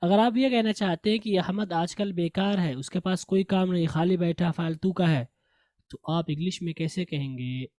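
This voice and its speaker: A man teaching a language lesson at an unhurried pace, saying each word twice and stopping to fix pronunciation. His voice is soft and mellow, recorded dry and close with no room sound. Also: sits high, no echo. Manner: slow, repeats each word, corrects pronunciation. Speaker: English teacher.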